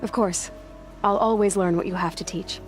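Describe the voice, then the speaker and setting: In a video game cutscene, a woman voices a headstrong young outcast huntress who speaks directly with dry, questioning wit and sounds curious. Her medium-pitched voice is close to an everyday one, fairly even in intonation at a moderate pace, with soft music in the background.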